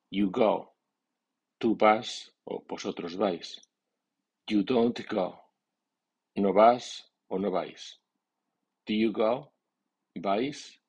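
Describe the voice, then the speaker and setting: A man teaching English pronunciation, slowly drilling example sentences one by one and explaining the rules in a measured way. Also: fairly low pitch, a little mellow, slightly rough. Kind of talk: slow, deliberate language drill.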